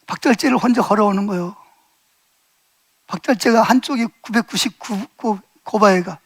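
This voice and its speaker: A middle-aged male pastor preaching a sermon in a church, telling a personal story with vivid re-enactment, shifting between loud exclaims and hushed asides. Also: sits high, normal speed. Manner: animated storytelling, shouting re-enacted lines, swings loud to hushed. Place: church sanctuary.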